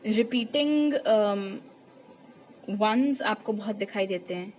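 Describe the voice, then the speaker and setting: A woman's voice: medium pitch, takes it slowly, a little mellow, a little hiss or hum, low-quality recording. A woman giving a tarot reading for her viewers, talking in a chatty, reassuring way and mixing English words into her Hindi. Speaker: tarot reader.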